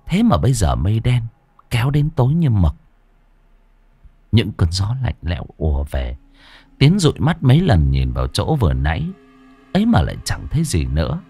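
A man's voice: sits low, darkish tone, breathy edge. A man narrating an audio story in a dramatic, earthy, colloquial way.

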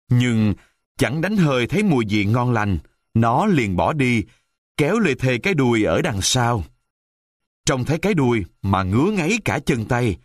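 A man narrating a children's storybook audiobook in an expressive, animated way. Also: medium pitch, no room sound, clean studio sound.

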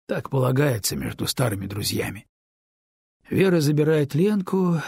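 A man reading an audiobook, voicing a downcast man in a low, measured and muffled tone. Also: no echo, clean studio sound. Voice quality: husky, gravelly. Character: man, old friend, downcast and restrained.

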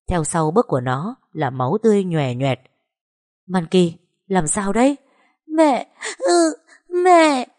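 Low-voiced woman narrating a story. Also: a little mellow. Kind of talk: audiobook narration of a drama story.

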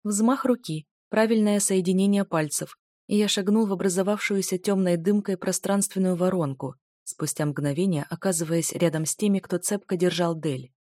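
A woman narrating a first-person fantasy audiobook in a steady, even storytelling voice. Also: on the low side, moderate pace, dry recording, clean studio sound.

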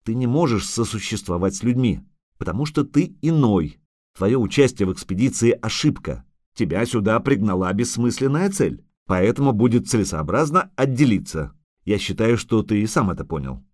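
A man's voice: lowish voice, animated, normal speed, a little mellow, no echo, clean studio sound. A man voicing a haughty female sorceress who speaks in a cutting, commanding way. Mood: sharp.

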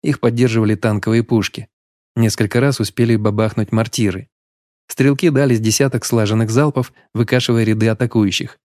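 A man narrating a first-person audiobook story in a steady, even way. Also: lowish voice, brisk, no room sound, clean studio sound.

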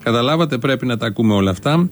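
A man's voice: medium pitch, lively intonation, soft background music. A man delivering a satirical monologue with dry, mock-solemn irony. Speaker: comedy show host.

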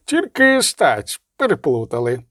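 A doubting priest makes caustic, dry remarks, as a narrator puts him on. The voice stays close to the reader's own, plain and dry. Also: male voice, a little high, wildly swooping pitch, measured pace, fairly bright tone, no room sound, exaggerated voice. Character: sarcastic doubting priest, man.

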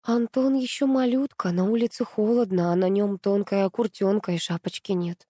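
A woman reading aloud, voicing a timid, soft-hearted woman teacher who pleads gently. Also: medium pitch, fairly even intonation, normal speed, no echo, studio quality, close to an everyday voice. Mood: pleading.

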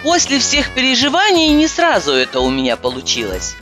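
Lively, animated woman narrating an audiobook. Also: high voice, fairly quick, soft background music. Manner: animated, comic, exasperated outbursts. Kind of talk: first-person audiobook narration.

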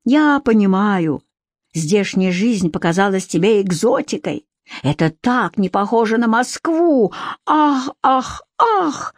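A jealous adult husband full of contempt, mocking and snapping in anger, as a woman reader puts him on. The delivery is unhurried, and the sound is dry and close, with no room around it. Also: sits high, big pitch swings, no room sound, heavily acted.

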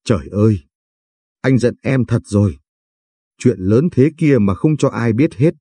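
A man's voice: medium pitch, lively intonation, a little slow, dark tone, breathy edge, no echo, studio quality. A man voicing a caring young man who is earnest and worried, talking protectively in a storybook reading. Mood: reassuring, fretful.

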